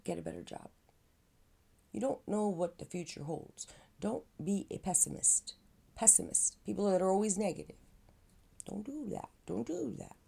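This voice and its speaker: A vlogger with a medium-pitched, mellow, slightly rough voice and vocal fry gives rambling self-help advice. She's chatty and slangy, saying "man" and "dude," with plenty of asides, fillers, and laughs.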